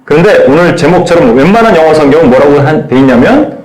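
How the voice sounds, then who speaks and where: A man preaching a sermon in an animated way, acting out the voices he quotes. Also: a little high, quick pace, roomy sound, rough recording. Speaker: pastor.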